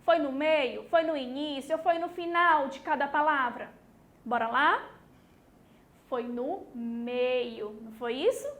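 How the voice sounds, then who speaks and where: A high-voiced woman from Brazil, teaching a class for young children. She speaks slowly and carefully, and she plays out her pupils' questions before she answers them. She checks in with her class again and again. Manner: lively, acts out imagined student questions, checks in with "tá bom?". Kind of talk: recorded online class for children.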